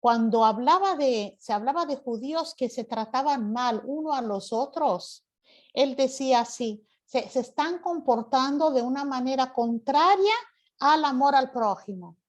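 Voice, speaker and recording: High-voiced woman teaching a class. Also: measured pace. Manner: explanatory, asks rhetorical questions. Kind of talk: online class lecture. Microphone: video call.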